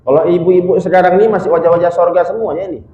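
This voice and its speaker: A male preacher telling a story in a sermon, lively and constantly addressing the congregation. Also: sits high, racing, narrow, tinny audio, a little hiss or hum. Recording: echoey hall.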